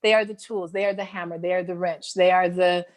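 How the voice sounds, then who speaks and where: A woman's voice: on the low side, steady tone, fairly quick. Emphatic woman host, repeating herself. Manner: emphatic, repeats and restarts phrases. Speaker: podcast host. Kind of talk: casual interview chat.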